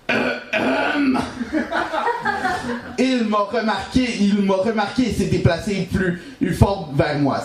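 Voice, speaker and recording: A man's voice: sits high, a little mellow. A man with a Québécois accent telling a rambling comic story on an open-mic stage, stumbling through restarts and fillers. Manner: halting, full of restarts and "comment dire". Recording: roomy live café recording from off-mic.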